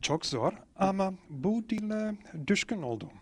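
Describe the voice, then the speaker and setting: A man's voice: sits high, animated, a little slow. A middle-aged man speaking careful learner's Turkish as a foreign student in a casual interview. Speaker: language student being interviewed. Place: indoor cultural center room. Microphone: handheld interviewer's microphone.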